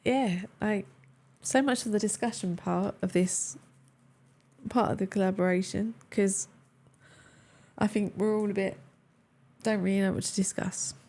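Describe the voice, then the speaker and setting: A woman's voice: mid-range voice, steady tone, measured pace, long pauses, a little mellow. A woman co-hosting a game stream, chatting casually and teasing her co-hosts. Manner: chatty, teasing, laughs easily. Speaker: stream co-host. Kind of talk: casual chat.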